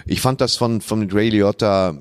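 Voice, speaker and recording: A man's voice: on the low side, a little slow, clean tone. A man co-hosting a casual chat podcast, joking and wry as he talks about films. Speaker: podcast co-host.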